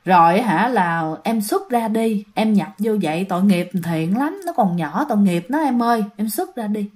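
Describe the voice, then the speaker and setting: A woman voicing a brave older female cousin gently coaxing a spirit to leave. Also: mid-range voice, lively intonation, normal speed, natural voice.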